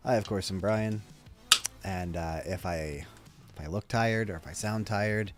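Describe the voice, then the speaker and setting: A man's voice: low voice, a little slow. A man hosting a casual reaction vlog, tired and drowsy, rambling and swearing casually. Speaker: reaction video host. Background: faint music.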